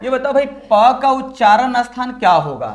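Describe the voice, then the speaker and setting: High-voiced Hindi grammar teacher drilling students. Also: male voice, very animated, moderate pace. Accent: Bihari Hindi. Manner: drills students with repeated questions and answers; addresses viewers as dear children. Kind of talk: exam-prep lesson.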